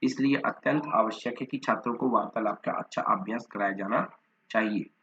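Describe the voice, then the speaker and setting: A man's voice: fairly low pitch, fairly quick, a bit bright, slight background noise. A man teaching a lesson, reading notes aloud, listing terms one by one and sometimes repeating or correcting himself. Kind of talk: Hindi lecture reading from notes. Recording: dull lo-fi recording.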